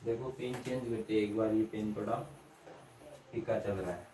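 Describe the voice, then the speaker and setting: A man teaching an online grammar lesson, explaining slowly and repeating points with questions for the students. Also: on the low side, steady tone, dark tone, a little hiss or hum. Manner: slow, repetitive explaining with quiz-like questions to students. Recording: echoey room from a distance.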